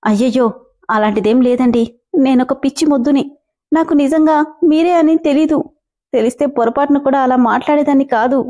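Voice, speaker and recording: A frightened young bride pleads through tears in a high, mellow voice, apologizing again and again, as a woman narrator puts her on. She sounds small and shaky, like a storybook girl facing someone she dreads. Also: fairly quick, lightly acted. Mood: tearful. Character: timid tearful young bride.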